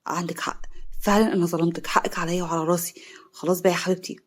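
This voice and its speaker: Woman doing a lowered-voice young Egyptian husband. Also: fairly even intonation, rapid-fire, dark tone, natural voice. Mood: soothing. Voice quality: lowered, pleading voice.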